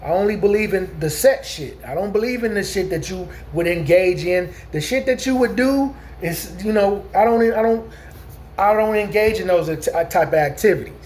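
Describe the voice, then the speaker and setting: With a high-pitched, darkish voice at normal speed, a man in his forties rambles through a long story in his casual vlog, slight background noise audible. The vlogger restarts sentences frequently and repeatedly asks "you know what I'm saying."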